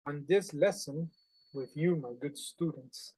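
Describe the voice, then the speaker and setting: A man's voice: a little high, a little slow, husky, no room sound, poor audio. Earnest Honduran man teaching English online. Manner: earnest, animated, with non-native phrasing. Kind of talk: online class lesson. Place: small indoor room at home. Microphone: webcam on a video call.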